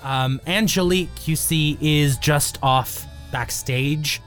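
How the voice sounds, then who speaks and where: A man with a slightly high voice narrates a tabletop game as its game master. He describes scenes haltingly, pausing and stretching words, over faint background music. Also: a bit bright.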